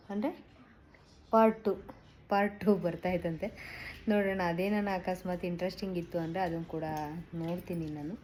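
A woman's voice: mid-range voice, mellow, a little hiss or hum, low-quality recording. A middle-aged woman, chatting casually to her viewers in a rambling way with many fillers. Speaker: vlogger. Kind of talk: casual chat to camera.

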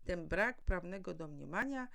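This legal adviser and mediator speaks in a lowish, slightly bright voice with lively intonation, vocal fry and a moderate pace. Her talk to listeners is formal and instructive, built around questions she raises and answers herself.

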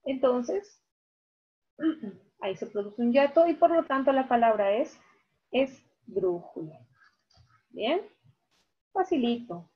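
A woman teacher giving an online lesson, talking slowly and repeating key words syllable by syllable. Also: on the high side, animated, breathy edge. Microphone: video call. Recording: dull video-call audio.

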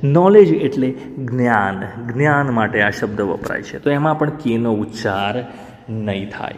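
An English teacher with a medium-pitched, expressive voice leads a language lesson at an unhurried pace, spelling each word out slowly letter by letter. He keeps asking his learners how words are pronounced, and a long room reverb trails his voice.

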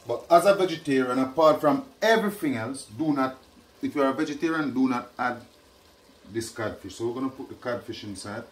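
A man's voice: medium pitch, brisk. A middle-aged man hosts a casual cooking demonstration in a small home kitchen, talking chattily and checking in with "yeah?" and "you know what I mean?". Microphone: camera mic at a distance. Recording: echoey kitchen, distant camera mic, noisy.

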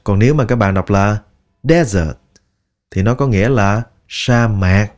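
A man teaching English pronunciation, drilling each word slowly and repeating it many times. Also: fairly low pitch, soft background music. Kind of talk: slow, deliberate pronunciation lesson.

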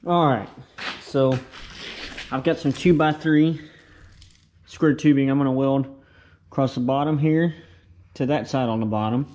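A man's voice: medium pitch, unhurried, long pauses. Laid-back young man vlogging. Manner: relaxed, rambling, talks while working. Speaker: farm vlogger. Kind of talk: casual first-person workshop vlog. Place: outdoors on a farm and in a workshop.

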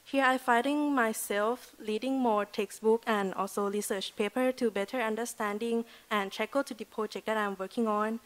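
A young woman with a Thai accent speaks at a podium microphone in a lecture hall. Her voice sits a little high, and her delivery is earnest, with loose phrasing and frequent "like" fillers, in the manner of a student presentation. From Thailand. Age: 20s. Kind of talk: prepared presentation speech.

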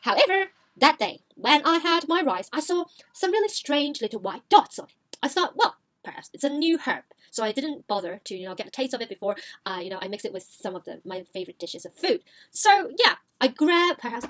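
Animated woman telling a storytime vlog. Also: sits high, fast talker, few pauses. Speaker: vlogger.

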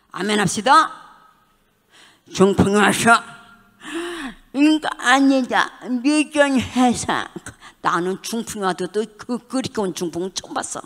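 An older woman delivers a passionate church testimony and voices the people in her story with dramatic shifts. Her voice rings out in a long, echoing sanctuary reverb, punctuated by shouted hallelujahs. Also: mid-range voice. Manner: fervent preaching with shouted hallelujahs; acts out quoted dialogue in dramatic voices. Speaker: church deaconess giving testimony. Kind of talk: testimony sermon.

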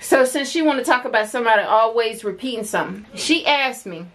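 A woman talks casually on camera, teasing and telling stories. Her voice sits slightly high for a woman, and her delivery is playful and relaxed. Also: fairly quick. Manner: teasing, laughs often, playful storytelling. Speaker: vlogger. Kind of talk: casual chat.

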